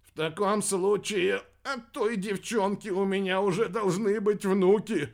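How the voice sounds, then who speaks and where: A man voicing a loud, pompous male sea captain of great age who speaks slowly. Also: high voice, fairly even intonation, vocal fry, voice pushed up. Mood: booming. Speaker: audiobook narrator.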